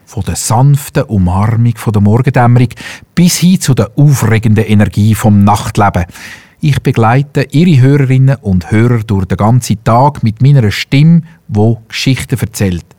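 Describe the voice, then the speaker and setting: A middle-aged man delivers a polished, promotional voice reel as a radio host and voice-over artist. His voice is mellow and warm, recorded dry and close on a studio microphone. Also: mid-range voice, dry recording. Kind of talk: scripted self-promotional voice reel.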